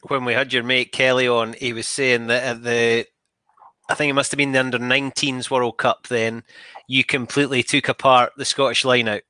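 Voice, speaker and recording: A man's voice: medium pitch, level tone, moderate pace, pushed and bright, dry recording. A man hosting an interview, putting questions in an informal, matey, conversational way. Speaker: interviewer, host.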